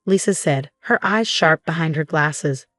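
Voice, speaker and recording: A woman reading a first-person story as scripted narration, in a steady, measured way. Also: low voice, no room sound, clean studio sound, faint music behind.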